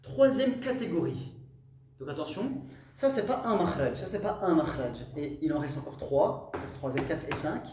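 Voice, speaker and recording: A man's voice: on the high side, lively intonation, moderate pace, warm tone. A man teaching a classroom lesson on Arabic letters, explaining step by step, repeating terms and checking in with his students. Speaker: Quran recitation teacher. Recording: roomy echo, distant mic, faint hum.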